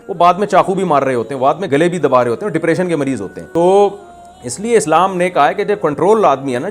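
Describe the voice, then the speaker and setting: A man with a Pakistani Urdu accent giving an emphatic religious lecture, explaining with repeated examples. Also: on the high side. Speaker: Islamic preacher. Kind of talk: religious lecture answering a question.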